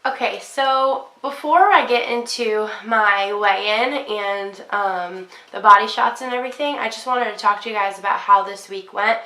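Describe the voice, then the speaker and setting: A young fitness vlogger, sick and congested, chats casually to camera about her fitness week with plenty of ums. Her medium-pitched voice is pushed and bright, at a moderate pace with hardly any pauses, in a poor-quality recording from an echoey room.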